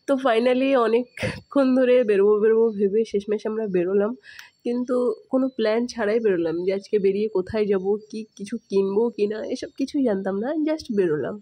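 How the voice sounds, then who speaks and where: A woman's voice: medium pitch, dark tone. A young woman, vlogging in a casual, chatty way and often trailing off to recheck what she means. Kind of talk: casual vlog chat.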